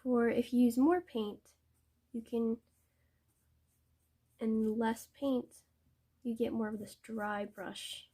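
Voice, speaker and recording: A young woman explaining paintbrushes in a painting tutorial, hesitant and halting, often correcting herself. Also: fairly high pitch, fairly even intonation, warm tone, husky. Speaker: art tutor.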